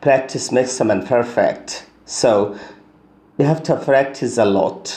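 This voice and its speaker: Slow, patient man teaching with a Bengali accent. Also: medium pitch, darkish tone, echoey room. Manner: slow, drawn-out model reading of English lines, quick explanations in between. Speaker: English teacher. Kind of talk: video lesson on pronunciation, mixing Bengali and English.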